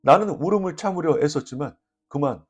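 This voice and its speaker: Expressive male audiobook narrator. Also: a little high, brisk. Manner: lively, expressive reading with voiced dialogue. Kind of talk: storytelling audiobook reading.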